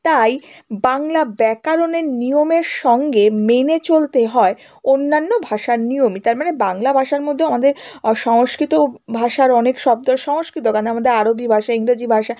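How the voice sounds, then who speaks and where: A woman teacher walks schoolchildren through a grammar lesson, going over each rule more than once and checking in with her pupils after every point. Her voice sits high, with a soft, mellow tone. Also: a little fast. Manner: explains and repeats, checks with "right?" and "okay?".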